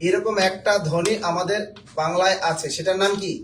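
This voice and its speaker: A man's voice: high voice, fairly even intonation, brisk, noisy background. A man from Bangladesh, teaching a spelling lesson for job exams, joking and quizzing his viewers.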